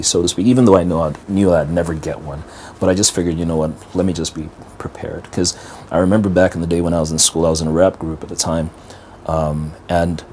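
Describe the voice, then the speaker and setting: A middle-aged man, telling a personal story in an interview as a lively storyteller who acts out the dialogue. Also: low voice, slight background noise. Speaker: interview guest, business strategist and motivational speaker.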